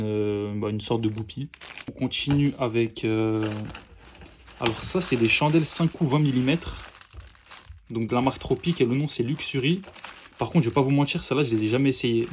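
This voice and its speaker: A man's voice: medium pitch, a little mellow, slight background noise. A man casually presenting fireworks he is unboxing, hesitant, with many fillers and self-corrections.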